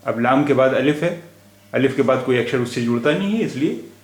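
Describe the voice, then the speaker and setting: A man's voice: medium pitch, expressive, brisk, echoey room, a little hiss or hum. A man teaching a spelling lesson, patiently spelling out letters and repeating each word. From India. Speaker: language teacher.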